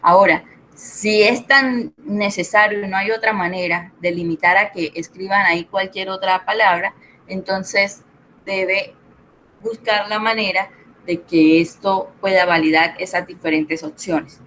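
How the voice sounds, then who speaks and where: A woman's voice: mid-range voice, steady tone, unhurried, fairly bright tone, low-quality recording. Woman, middle-aged, online tutor, patient step-by-step explaining, faint background noise. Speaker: Excel tutor.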